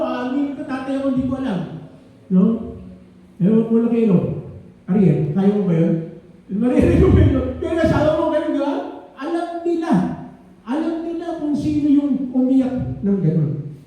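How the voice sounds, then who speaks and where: A man's voice: very high voice, warm tone. An older man, a grandfather, preaching a sermon in a conversational way, often checking in with the congregation. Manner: conversational preaching with frequent "No?" asides. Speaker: pastor. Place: church hall. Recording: echoey room from a distance.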